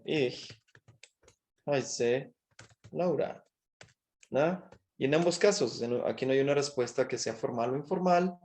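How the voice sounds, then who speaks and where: A man's voice: medium pitch, a little mellow. A man teaching a language class over a video call, patiently explaining and often checking in with short questions. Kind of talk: online class lesson.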